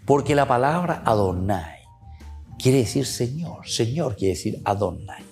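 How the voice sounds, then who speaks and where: A man's voice: mid-range voice, animated, a little slow. A male priest, teaching the Bible to listeners he calls dear friends, repeating his words as he explains. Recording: soft music behind.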